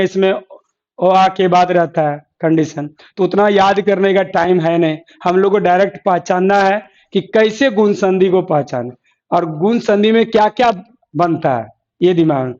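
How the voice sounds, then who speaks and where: A man with a high, slightly mellow voice teaches an exam-prep class using examples on the board. His style is repetitive: he drills the key terms and answers his own questions to the students. The audio is a dull, lo-fi classroom recording.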